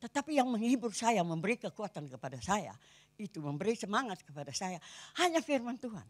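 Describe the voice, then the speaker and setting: An elderly woman pastor in her eighties with a Kupang Malay accent, preaching a sermon. Her voice is husky and a little breathy, and her pitch rises and falls in a very lively way. She talks conversationally and keeps turning to the congregation with rhetorical questions. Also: fairly quick. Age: 80s.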